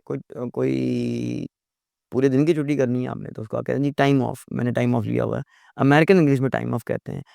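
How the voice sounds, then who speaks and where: A man teaches a lesson in a gravelly, creaky voice. He explains patiently, repeats key points and addresses the listener politely. The recording is close and dry. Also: mid-range voice, darkish tone, no echo. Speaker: English teacher. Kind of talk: lecture.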